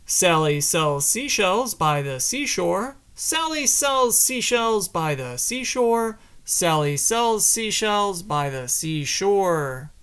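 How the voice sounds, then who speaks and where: A man with a gravelly, slightly high voice reviews camera gear in an unhurried, measured way. He repeats the same test sentence evenly before explaining settings. He is recording in an ordinary room with a window, not a sound booth. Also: fairly bright tone. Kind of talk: casual tech review with test readings.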